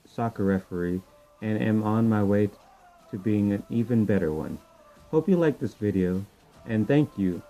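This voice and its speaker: A man's voice: fairly low pitch, mellow, muffled recording. A man hosting a video and asking interview questions in a plain, scripted manner.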